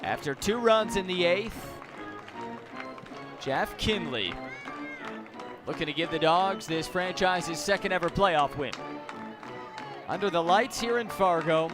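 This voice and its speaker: Live on the radio, an animated man with a high voice calls baseball, pausing for drama and building up on the big plays. Behind him you can hear the ballpark crowd and stadium music.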